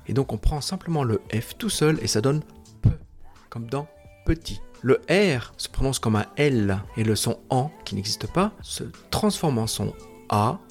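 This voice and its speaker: Lively-voiced man teaching a language lesson. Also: medium pitch. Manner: patient, explanatory, spells out sounds slowly.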